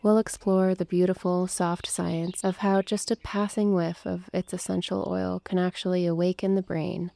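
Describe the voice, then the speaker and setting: Woman host for a bedtime meditation: soft, soothing delivery slipping into whispers, mellow tone with a touch of fry. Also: medium pitch. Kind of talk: sleep meditation narration.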